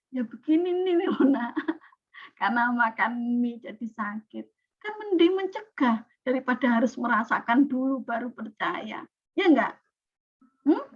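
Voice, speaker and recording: A woman teaches a class in a lively way, checking in with her students as she goes. Her voice sits high. The recording sounds dull and lo-fi. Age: 40s. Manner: lively, questioning students often. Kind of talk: classroom lecture.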